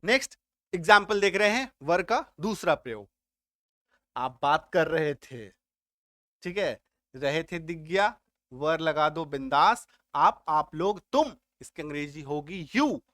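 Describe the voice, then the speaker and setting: A man's voice: fairly high pitch, expressive, a little slow, bright, forceful tone, no room sound, studio quality. A man teaching English grammar step by step, often stopping to check whether his students have understood. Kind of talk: spoken grammar lesson.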